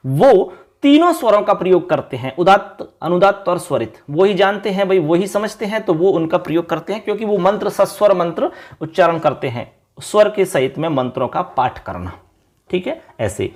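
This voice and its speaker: A man from India explaining grammar in an online class, patiently repeating points and checking that his students follow. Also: sits high. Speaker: Sanskrit grammar teacher.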